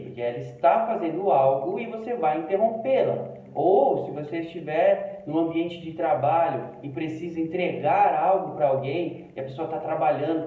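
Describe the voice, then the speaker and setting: Echoey, tinny teacher. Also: male voice, fairly high pitch. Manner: patient, repeats phrases slowly with exaggerated intonation. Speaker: English teacher. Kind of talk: explaining English phrases in Portuguese. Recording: echoey room, tinny and distant.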